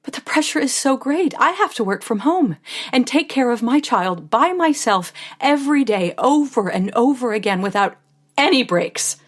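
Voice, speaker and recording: In this first-person audio drama, an American woman portrays a stressed, devoted mother of a small daughter, sounding frustrated and anxious. Her voice is on the high side at normal speed, confiding and expressive as it shifts between tenderness and exasperation.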